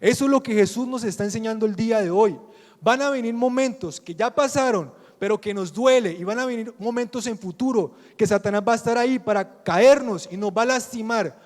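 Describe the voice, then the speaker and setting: A man with a Colombian Spanish accent preaches in a high, ringing voice. He keeps asking his listeners questions and then answers them himself. His words carry a long reverb, as in a large church hall. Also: brisk. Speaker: pastor. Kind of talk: sermon.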